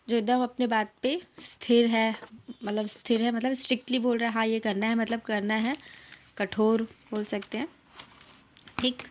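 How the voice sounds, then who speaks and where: A young woman teaching English vocabulary in an online lesson. She mixes English words into her explanations and reads example sentences slowly. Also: fairly high pitch, slight background noise. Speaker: English teacher for exam aspirants.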